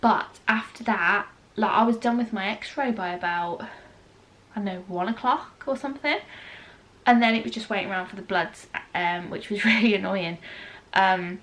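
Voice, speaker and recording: This vlogger is a British woman in her thirties who has a cold and sounds congested. She chats to camera in a mid-range, slightly bright voice at normal speed, telling a story with plenty of ums and asides.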